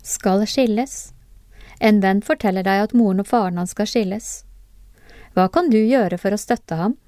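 A woman narrating a lesson in a calm, measured way, her voice mellow and soft-edged. The sound is dry and close, with no room around it, and she keeps turning to ask the listener questions. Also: medium pitch, dry recording. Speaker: narrator of classroom discussion cases. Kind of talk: scripted educational narration.

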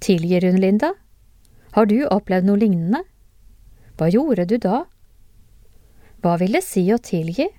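With no room sound in the recording, a woman narrates scripted classroom cases for a lesson in a calm, measured way, pausing to put questions to the listener. Her voice sits at a medium pitch.

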